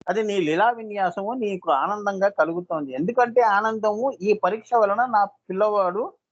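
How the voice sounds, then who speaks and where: A man with a notably high voice leads a devotional discourse as a spiritual teacher. He keeps asking his listeners rhetorical questions and briefly acts out the voices of devotees. The recording is dull and lo-fi, with almost no room sound. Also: no room sound.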